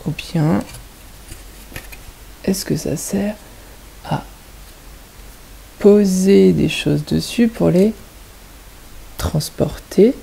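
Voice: medium pitch, extremely slow, creaky, pauses often, mellow, a little hiss or hum, poor audio. A kindergarten teacher with a French accent, patiently explaining a lesson to young children and asking them questions step by step.

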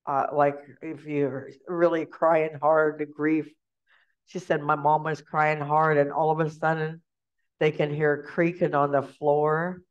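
A woman giving an informal storytelling talk as guest speaker, chatty and quick to laugh, recorded in a lecture room. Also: sits low, little pitch movement. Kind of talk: casual storytelling presentation. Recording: dull lo-fi recording.

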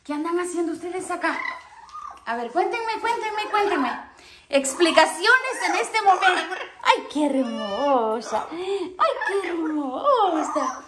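A woman's voice: very high-pitched, very animated, slow, heavy background noise. A woman talking playful baby talk to her pet parrots, cooing and often laughing.

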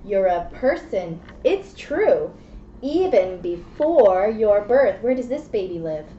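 With a medium pitch, big swings in intonation and a slow delivery, a woman in her thirties reads a picture book aloud to a small child. As a mother and presenter of children's read-alouds, she explains things simply and keeps checking in with questions. The setting is a small indoor classroom, recorded on noisy, muffled, echoey webcam audio.

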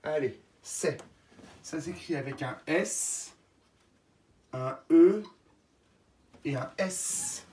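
A woman teacher dictates simple words to young children in a low voice, spelling each one slowly letter by letter. She sits back from the microphone in a room with an echo. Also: dark tone. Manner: slow, spells words letter by letter and repeats them. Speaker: first-grade teacher. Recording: echoey room, voice from a distance.

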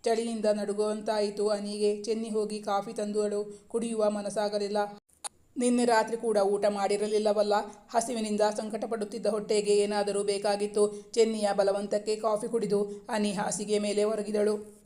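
Flat-voiced woman reading a serialized story. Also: mid-range voice, normal speed.

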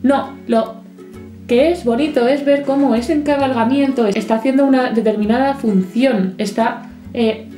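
A woman from Spain giving a lively, chatty poetry lesson with playful asides. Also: a little high, moderate pace. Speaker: literature teacher. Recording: echoey room, soft guitar music.

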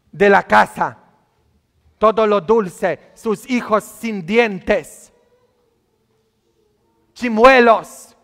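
Man, priest, sermon, scolding and teasing, slow delivery, gravelly, long church reverb. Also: high-pitched, a bit bright. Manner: scolding, teasing, asks the congregation questions.

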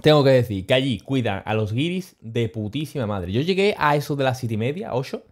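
A man spins a travel story for his stream. His voice sits at an ordinary middle pitch. He talks in an animated, slangy, joking way and keeps chuckling. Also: a little fast. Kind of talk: casual storytelling.

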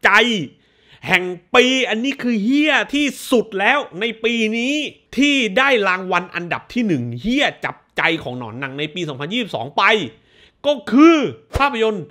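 A man's voice: sits high, very animated, moderate pace, sharp tone. A man hosting a movie review show, ranting casually in a crude, profane, sarcastic way.

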